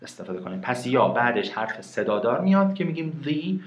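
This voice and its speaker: With a medium pitch and a very animated delivery, a man explains grammar patiently in an online private reading lesson, speaking Persian and giving English examples. He asks his students questions and frequently answers them on his own. An echoey room is audible.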